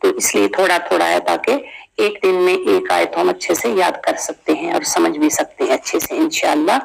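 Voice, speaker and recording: Gravelly-voiced woman teaching Quran recitation. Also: lowish voice, level tone, a little hiss or hum, rough recording. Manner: explains briskly, then recites verses slowly and drawn out. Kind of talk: tajweed lesson.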